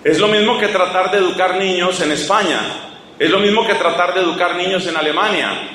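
A man's voice: high voice, brisk, bright, forceful tone, a little hiss or hum. A man preaching a sermon in an impassioned, sarcastic and rhetorical way, recorded in an echoing hall.

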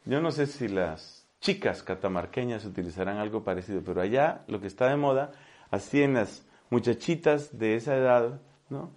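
A man from Colombia preaching a sermon in an animated, folksy way, repeating key phrases and slipping in humor. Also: medium pitch, normal speed.

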